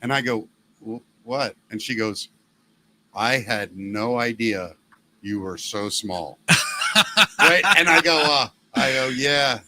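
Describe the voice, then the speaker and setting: Telling stories and mimicking the voices of people he quotes, a middle-aged ex-radio DJ hosts a casual podcast in a loud, gravelly voice worn by years of smoking. His mid-range delivery is slow with long pauses, and slight background noise can be heard.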